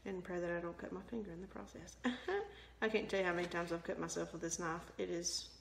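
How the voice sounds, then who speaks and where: In her home kitchen, a young woman rambles through a casual vlog chat, mocking herself and laughing a lot. Her voice is fairly low, quick, and gravelly, on a rough recording with slight background noise.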